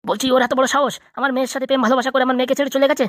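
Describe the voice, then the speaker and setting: A woman's voice: high voice, flat delivery, very fast, dry recording, clean studio sound, natural voice. A woman voicing a hot-tempered, protective father in a cartoon comedy dub, blustering and indignant.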